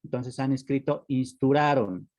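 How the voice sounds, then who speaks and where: A man's voice: mid-range voice, measured pace, a little mellow, no room sound. A male teacher giving an online class, explaining patiently and checking in with "¿no?" and "¿sí?" after almost every phrase. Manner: patient, explanatory, repeats words as he goes.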